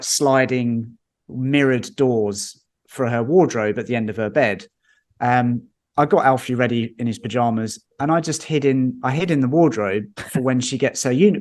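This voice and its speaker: A man, a podcast guest chatting casually and telling lively anecdotes with chuckles. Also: medium pitch.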